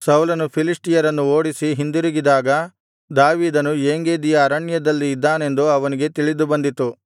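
Male scripture reader, smooth clear voice, very dry close recording. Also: fairly high pitch, dry recording. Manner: steady, measured recitation. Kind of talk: scripted Bible reading.

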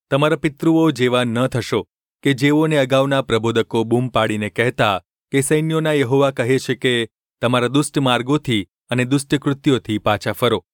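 A man giving a measured, even scripted reading of scripture. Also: mid-range voice, no room sound, clean studio sound. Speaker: Bible reader.

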